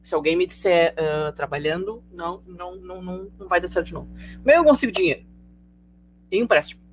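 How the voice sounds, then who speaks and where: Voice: medium pitch, fast, slight background noise. A sociology teacher with a Brazilian accent giving a live online class in a chatty way. The teacher keeps asking the students questions and checking in with them. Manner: conversational, asks students rhetorical questions, tags sentences with "tá?".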